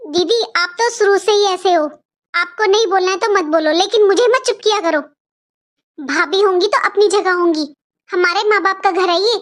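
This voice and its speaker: An outspoken young sister from a family cartoon, as a woman voices her, with a very high, sharp delivery. She is indignant and says exactly what she thinks. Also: moderate pace. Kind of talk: cartoon voice acting.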